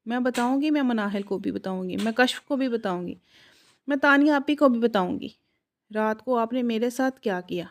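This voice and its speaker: A woman's voice: fairly high pitch, close to an everyday voice. Woman playing a stubborn, childish young bride. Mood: petulant. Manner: petulant, whiny.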